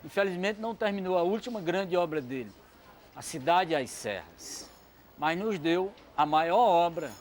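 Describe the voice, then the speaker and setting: Male literature commentator, slightly raised pitch, rambling, hedging asides, light hiss behind. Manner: discursive, many asides and fillers. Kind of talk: educational talk.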